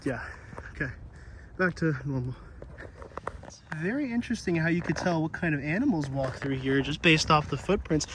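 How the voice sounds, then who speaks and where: A man's voice: fairly high pitch, lively intonation, fairly quick, noisy background. A young man vlogging casually while walking outdoors, out of breath, chatty and easily amazed, joking at his own expense. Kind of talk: casual walk-and-talk vlog. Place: outdoors on a trail and city streets.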